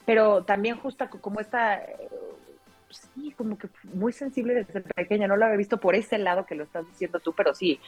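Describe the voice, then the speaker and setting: A Mexican woman, a radio announcer, recounts a memory in a relaxed, anecdotal way, tagging her sentences with little questions. Her voice sits at an ordinary pitch for a woman, with faint music in the background. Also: fairly quick. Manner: lively anecdotal telling, frequent "o sea" and "¿no?" tags. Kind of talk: casual interview storytelling.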